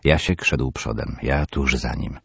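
A man narrating a horror audiobook in the first person, measured and tense. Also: extremely low pitch, fairly even intonation, vocal fry, husky, dry recording, studio quality.

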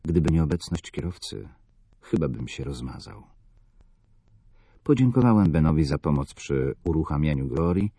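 A man narrating a novel in the first person, measured and somber. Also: extremely low pitch, expressive, warm tone, slightly rough, no room sound, studio quality. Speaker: audiobook narrator.

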